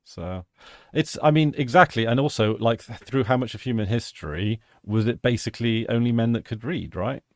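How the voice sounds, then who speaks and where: A man from Britain chats casually as a podcast co-host, rambling and self-interrupting with a jokey edge. His voice sits at an ordinary middle pitch. The sound is close and dry, with no room around it. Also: moderate pace, dry recording. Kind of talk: casual chat.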